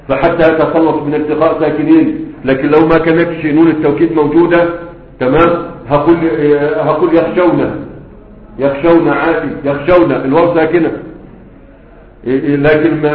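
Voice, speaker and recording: A man with an Egyptian Arabic accent teaching a grammar class, asking rhetorical questions and slowly drilling example words. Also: on the high side. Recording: tinny phone-like audio in an echoey room.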